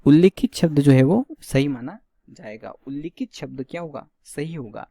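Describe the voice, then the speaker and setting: A man teaching Hindi spelling in an online lesson, saying each word slowly and asking his viewers questions. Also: on the high side, lively intonation, vocal fry, mellow, no room sound, clean studio sound. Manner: repeats words slowly and asks questions to the viewer.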